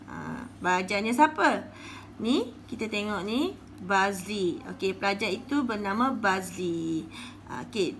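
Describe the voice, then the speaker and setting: A woman teacher with a Malaysian Malay accent, explaining a lesson slowly and patiently, often saying "okey". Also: medium pitch, a bit bright, slight background noise. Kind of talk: online class lesson.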